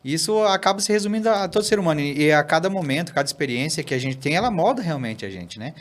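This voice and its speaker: Fast-talking man telling stories. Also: on the high side. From Brazil. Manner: animated, tags sentences with "né?" and "cara". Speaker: pastor, podcast guest. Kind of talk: casual storytelling in a podcast interview.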